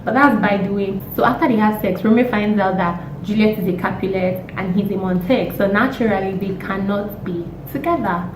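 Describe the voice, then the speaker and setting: A young woman, hoarse from a cold, chatting casually and emphatically as a vlogger with exasperated rhetorical questions. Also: medium pitch, a little fast, hardly any pauses. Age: young adult. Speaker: YouTube vlogger. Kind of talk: casual opinionated chat. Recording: roomy echo, distant mic, faint noise.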